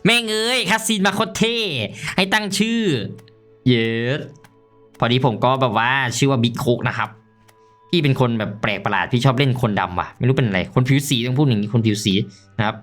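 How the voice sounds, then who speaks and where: Excitable young Thai man, lively and bright. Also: mid-range voice, fairly quick, faint music behind. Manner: loud, excitable, swearing, shouting at the game. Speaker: mobile game streamer. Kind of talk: casual gameplay commentary.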